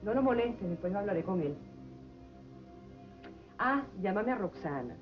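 An actress with a Venezuelan accent playing a commanding, sharp-tongued head of household in a telenovela. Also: female voice, medium pitch, lively intonation, a little slow, close to an everyday voice. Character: domineering woman head of household. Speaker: Eva, family matriarch. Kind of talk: 1990s telenovela acting. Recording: dull lo-fi TV audio with music.

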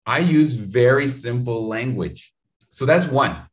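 A man in his thirties, slow-paced with a mid-range voice, gives animated public speaking advice in a video-call interview. He gestures a great deal and speaks directly to the viewer, using a studio mic that shows in frame at his home.

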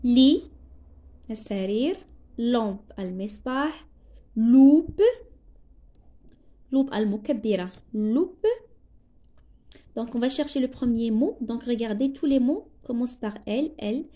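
Slow, patient Moroccan woman teacher. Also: on the high side, mellow. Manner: slow, patient, spells out letters and translates words. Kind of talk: classroom lesson explanation.

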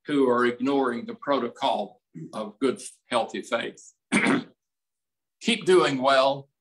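A man in his eighties preaching a sermon as pastor, slow and emphatic in a folksy way, recorded on a desk mic in a small room. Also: medium pitch, a bit bright, poor audio. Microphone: desk mic on stand, streamed over video call.

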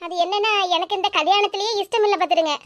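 A stubborn college-age bride in a cartoon speaks in a very high, thin voice with a Kanyakumari Tamil accent, played by a woman. She talks quickly and firmly. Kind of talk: animated cartoon voice acting.

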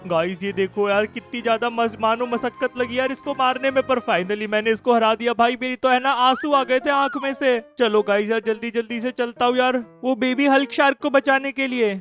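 A man giving excited gaming commentary, constantly talking to his viewers. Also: very high voice, brisk, few pauses, faint music behind. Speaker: gaming video host.

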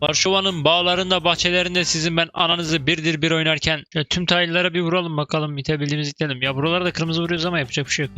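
A young man with a very bright, sharp voice pitched a bit high, narrating a strategy game. He gets excitable, yells orders at his units and swears freely, with faint game music underneath. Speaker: gaming YouTuber. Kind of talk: live strategy game commentary.

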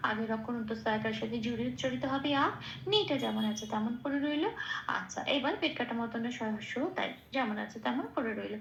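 High-voiced woman teaching slow recitation. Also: reverberant, dull audio, a little hiss or hum. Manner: slow, patient explaining with soft hums and fillers. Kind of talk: step-by-step pronunciation lesson.

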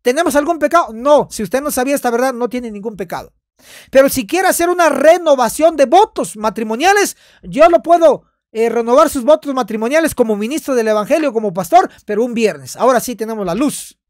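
A man's voice: very high-pitched, expressive, a little fast, darkish tone, dry recording, studio quality. A man, a pastor, commenting on a video in a sermon style, emphatic and repeating his phrases.

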